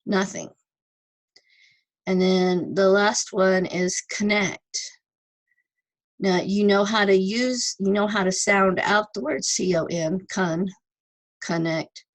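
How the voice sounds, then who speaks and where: A woman's voice: medium pitch, fairly even intonation, takes it slowly, pauses often, poor audio. A woman teaching an online ESL lesson, patiently sounding out words syllable by syllable and repeating them.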